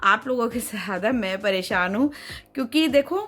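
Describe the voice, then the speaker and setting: A woman's voice: fairly high pitch, lively intonation, moderate pace, a bit bright, faint music behind. A young woman with a North Indian Hindi accent, a mother talking to her viewers in a casual home vlog, earnest and a little defensive. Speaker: family vlogger, mother. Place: home, indoors and on a rooftop.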